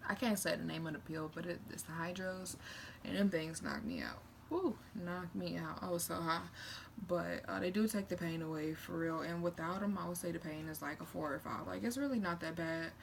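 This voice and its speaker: Talking fairly quickly with vocal fry and a voice on the low side, a young woman vlogs in a rambling, candid chat to camera. Her retelling is animated, full of acted-out quotes, and background noise is noticeable.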